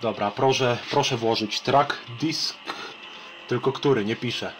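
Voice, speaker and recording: Man, thirties, Polish, mid-pitched voice, casual gaming vlogger, rambling colloquial talk, home room, faint music. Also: measured pace. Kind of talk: casual chat and gameplay commentary. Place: small home room with shelves.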